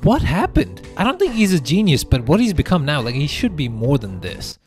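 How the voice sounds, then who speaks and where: A man's voice: a little high, wildly swooping pitch, brisk, faint music behind. A man doing sarcastic video commentary, mocking and incredulous, with casual swearing. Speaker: commentary youtuber.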